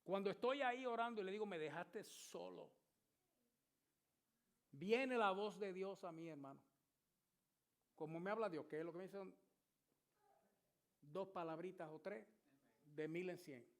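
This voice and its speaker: A man's voice: high-pitched, moderate pace, pauses often. A man in his sixties, a pastor preaching a sermon with vivid, emphatic storytelling. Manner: storytelling, emphatic, shouts at climaxes.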